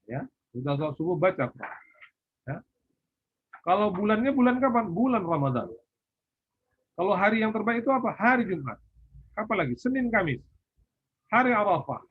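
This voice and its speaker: Lecturer with a husky, tinny voice. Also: male voice, sits high, sing-song, normal speed, pauses often, dry recording. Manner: asks and answers his own questions. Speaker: university lecturer. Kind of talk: recorded online lecture. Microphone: recorded for a YouTube class. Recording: tinny phone-like sound, husky.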